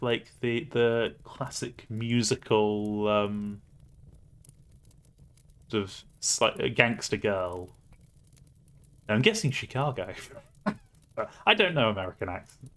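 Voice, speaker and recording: A man's voice: lowish voice, animated, slow, pauses often, fairly bright tone. A man streaming a game, reading the story aloud with playful, laughing asides.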